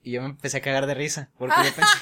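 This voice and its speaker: A man's voice: medium pitch, wildly swooping pitch, very fast, pushed and bright, a little hiss or hum. A young man with a Mexican Spanish accent, chatting casually and telling a story full of slang, often laughing. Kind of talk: casual chat.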